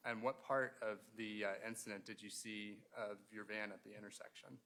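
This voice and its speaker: A man questioning a witness as a prosecuting attorney in a courtroom, in a formal, procedural and halting way. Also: on the low side, fairly even intonation, pushed and bright. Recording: noisy courtroom pickup with room ambience.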